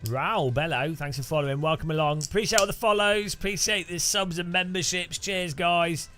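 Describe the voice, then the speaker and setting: A man with an English Midlands accent commentates a sim racing live stream, full of jokey, animated banter and sudden high-pitched outbursts. He speaks at a moderate pace over music.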